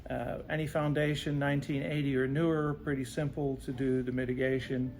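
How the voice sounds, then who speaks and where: A man answers interview questions about radon remediation in a medium-pitched, a little mellow voice, delivered flatly and fairly quickly. He keeps it simple and often checks in with "right?", and a slight hiss or hum is audible.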